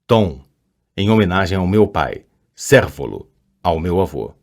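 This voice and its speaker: A man's voice: low-pitched, big pitch swings, a little slow, darkish tone, heavily acted. Casting: man voicing a guarded teen schoolboy, polite and tense, audiobook reading. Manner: respectful, tense. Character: polite, nervous teenage boy student.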